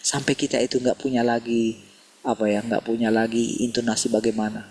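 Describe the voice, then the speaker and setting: A man's voice: mid-range voice, flat delivery, a little fast, darkish tone, breathy edge. A man preaching a sermon, calling his listeners "saudara" and asking many rhetorical questions.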